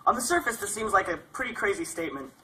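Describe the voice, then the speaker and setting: Young adult student speaker, bright mid-pitched voice, prepared commencement address, faint noise behind. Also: sing-song, quick pace, rough recording. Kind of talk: prepared graduation speech.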